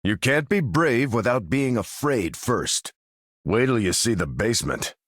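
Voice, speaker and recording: Stalwart, commanding American super-soldier hero, animated. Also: male voice, mid-range voice, measured pace, dry recording, studio quality. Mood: earnest, measured. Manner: earnest, commanding, military phrasing. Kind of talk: video game character voice lines.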